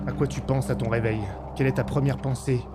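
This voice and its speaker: A man narrating a tabletop game as game master, deliberate and dramatic, in short suspenseful phrases. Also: medium pitch, flat delivery, heavy background noise. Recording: loud music and effects behind.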